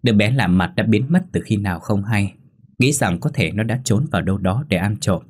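A man narrating a ghost story in a steady, measured storytelling voice. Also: fairly low pitch, breathy edge. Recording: faint background music.

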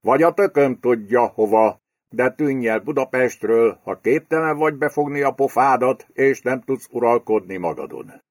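A man's voice: mid-range voice, lively intonation, no room sound, studio quality, voice pushed up. A man voicing a fat, domineering male property speculator who talks in a crude, bullying, menacing way in an audiobook. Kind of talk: audiobook character voice.

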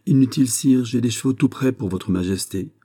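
A man's voice: medium pitch, dark tone, breathy edge, dry recording, voice pushed up, close to an everyday voice. A man voicing a sly musketeer captain who speaks coolly and with understatement. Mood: calm, sly. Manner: cool, measured, dry understatement.

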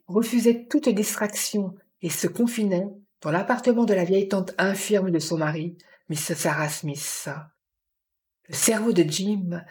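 Female audiobook narrator, deliberate, slow, mellow tone. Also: mid-range voice. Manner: measured, deliberate reading. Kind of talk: scripted narration of a novel.

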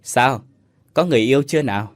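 A hearty, teasing uncle ribs his young nephew, voiced by a male storyteller. His lines come a little louder and quicker than the plain narration. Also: medium pitch, no room sound, clean studio sound, natural voice. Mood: jovial.

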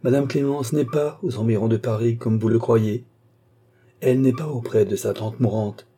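A man's voice: mid-range voice, fairly even intonation, moderate pace, warm tone, slightly rough, lightly acted. A man reading an audiobook, voicing an earnest young man who speaks firmly and respectfully to his older cousin. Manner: earnest, firm.

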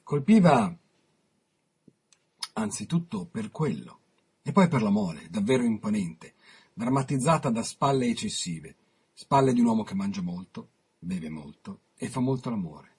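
A man on the radio reading his own written interview aloud, measured, with dramatic pauses. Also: lowish voice, big pitch swings, a little mellow, breathy edge.

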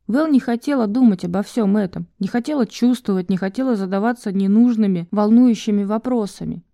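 A woman reads an audiobook in a steady, expressive narration. Her tone is very dark and mellow. The recording is close and dry, with no room sound. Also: mid-range voice, brisk, gravelly, no room sound. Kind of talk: scripted narration.

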